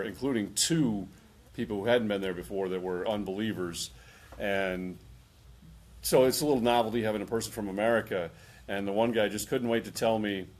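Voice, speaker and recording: A man from New York with a fairly low voice talks through his time as a visiting pastor. He is earnest and measured, with hesitant fillers, in a relaxed interview. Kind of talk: casual interview talk.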